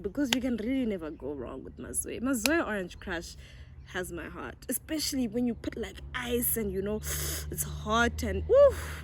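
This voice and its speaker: A young adult YouTuber with a Zimbabwean accent and a mid-range voice chats casually in a get-to-know-me video, answering viewer questions in a bubbly, giggly way. There's slight background noise.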